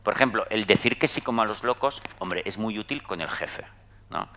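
A middle-aged man from Spain with a Spanish accent, giving a talk to an audience in a chatty, storytelling way, often tagging his sentences with quick questions. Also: on the low side. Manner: conversational, tag questions, lively storytelling. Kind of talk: anecdotal talk to a live audience.

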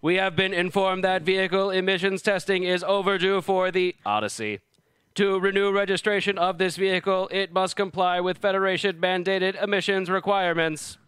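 A man voicing a robotic official announcement with a loud, clipped, official delivery. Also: high voice, steady tone, moderate pace, clean tone, no echo, voice pushed up. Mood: commanding.

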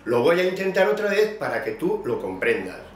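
A man's voice: a little high, big pitch swings, moderate pace, roomy sound, a little hiss or hum. A man giving a vocal technique lesson, explaining patiently and speaking to his student by name. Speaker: voice teacher.

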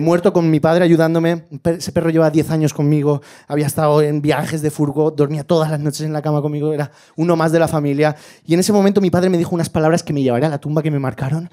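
High-voiced Spanish stand-up comedian. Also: male voice, fast talker. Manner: animated storytelling, shifting into shouted impressions of family.

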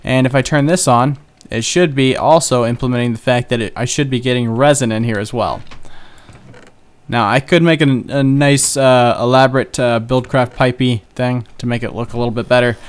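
With a clean tone and a mid-range voice at normal speed, a young man rambles casually through his own computer gameplay. As a gaming channel host doing Let's Play commentary, he keeps it chatty and jokes at himself.

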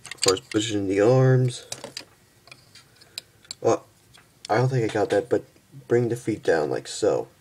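A young man casually reviewing and transforming a toy figure, halting and stumbling over his words, tired from just waking up. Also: on the low side, animated, darkish tone, slight background noise. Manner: halting, stumbles and restarts often.

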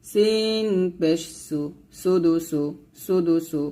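A Bangladeshi-accented man leads a slow recitation lesson in Quran reading, spelling each Arabic letter and its vowel mark before merging the syllables into whole words. His pitch is fairly high, his tone dark, and his words drawn out.

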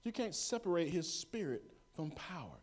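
A man preaching a sermon to his congregation, animated and storytelling, calling for amens and dropping to hushed tones. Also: a little high, moderate pace. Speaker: pastor.

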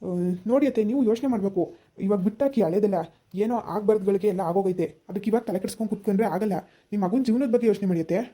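A woman voicing a young son-in-law who calmly talks his mother-in-law round in a village family drama. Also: mid-range voice, racing, natural voice. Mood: persuading. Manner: persuasive, repeated appeals. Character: reasonable young son-in-law, calm persuader.

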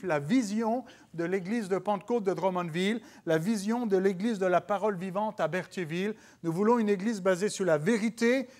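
A man with a Quebec French accent preaching a sermon, earnest, with repeated phrases and restarts. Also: high voice. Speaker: pastor. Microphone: broadcast church recording.

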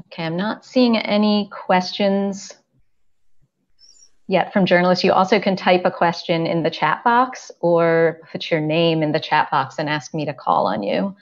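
Hesitant woman moderating a video call. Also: fairly low pitch. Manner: hesitant, filler-heavy, slow. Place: home room indoors. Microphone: earphone headset on video call. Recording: dull lo-fi video call audio.

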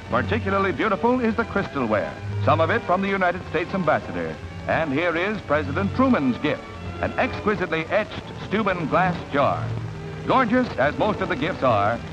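Man, old newsreel narrator, high lively voice, dull lo-fi sound with music. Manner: brisk, upbeat announcer delivery.

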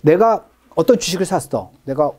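A man's voice: a little high, animated, moderate pace, a little mellow. A middle-aged man, a real estate expert guest, explaining things in an interview with emphatic stress on key words.

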